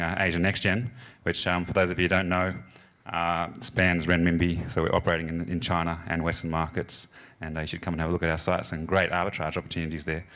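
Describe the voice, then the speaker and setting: A man's voice: low voice, fairly bright tone. A man introducing himself on a conference panel, talking with frequent fillers and restarts. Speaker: panelist, exchange co-founder.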